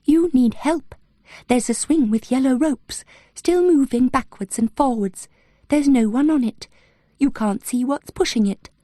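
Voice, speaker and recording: A woman voicing an entranced woman who speaks slowly and hard, each word spaced out, in an audiobook. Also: high voice, dark tone, no echo, studio quality, pitched above the performer's own voice. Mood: menacing. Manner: slow, hard, words spaced like shots. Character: eerie entranced woman, cold and piercing.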